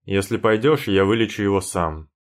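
A man's voice: fairly low pitch, moderate pace, lightly acted. A man voicing a menacing young man who barks his demands harshly. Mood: demanding. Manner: harsh, barking, sour.

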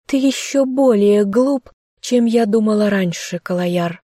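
Female reader doing the captive heroine, young and fiery, high and furious. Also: a little slow, no room sound, clean studio sound, lightly acted. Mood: defiant. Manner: defiant, shouting.

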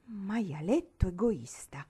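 Una donna che legge dà voce a una bambina prepotente e sfacciata, con tono canzonatorio e saccente. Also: female voice, mid-range voice, lively intonation, moderate pace, darkish tone, lightly acted. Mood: bossy. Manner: teasing, self-important. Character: bossy cheeky little girl. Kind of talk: audiobook reading.

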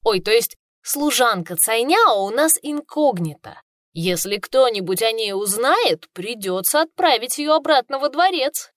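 A woman voicing an awkward man who speaks hesitantly, hushing others. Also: fairly high pitch, animated, unhurried, no room sound, clean studio sound, voice pushed up. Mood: sheepish. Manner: hushed, hesitant. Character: awkward male camp guard, sheepish.

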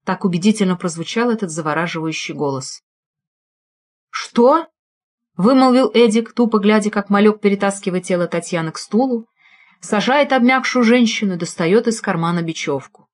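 A woman narrating an audiobook in a steady, expressive storytelling manner. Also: fairly low pitch, a little fast. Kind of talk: scripted narration.

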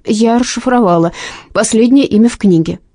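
A woman voicing a frightened, sharp-tongued young female detective in an audiobook, talking raised and defensive. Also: on the high side, moderate pace, dry recording, clean studio sound, pitched above the performer's own voice, natural voice. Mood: panicked, snapping. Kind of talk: audiobook character reading.

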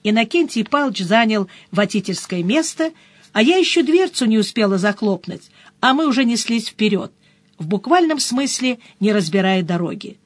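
A woman narrating a first-person audiobook in a brisk storytelling manner, with short dips into other characters' voices. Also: fairly high pitch, sing-song, no echo.

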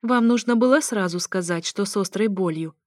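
A woman's voice: mid-range voice, moderate pace, a little mellow, dry recording, clean studio sound, natural voice. A woman reading an audiobook, voicing a fussy young female receptionist who chatters in a falsely sweet tone. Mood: brisk.

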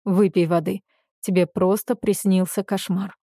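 A woman reading a worried, gentle young man. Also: lowish voice, level tone, unhurried, no room sound, clean studio sound. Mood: soothing. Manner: anxious, soothing.

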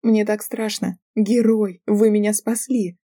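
A woman voicing a young female elf student who plays up her distress with shrill, theatrical pleading. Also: steady tone, measured pace, dark tone, no echo, clean studio sound. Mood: gushing.

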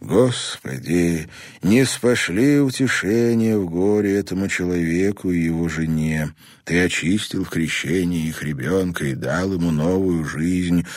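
A man voicing a priest who slowly intones funeral prayers. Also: low-pitched, a little mellow, no room sound, clean studio sound. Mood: intoning. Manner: slow, intoning. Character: solemn priest reading a burial prayer.

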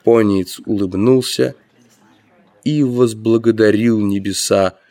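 A man narrating an audiobook in a measured, calm reading. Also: fairly low pitch.

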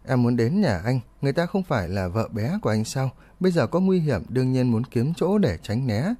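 A man's voice: medium pitch, very animated, a little fast, mellow. A man voicing a clingy, coaxing young woman who talks in a sweet pleading tone.

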